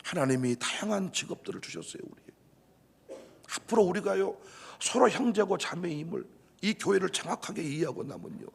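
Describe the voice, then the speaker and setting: A middle-aged man, a pastor preaching a sermon, swinging from hushed talk to shouting. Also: high-pitched, vocal fry, husky.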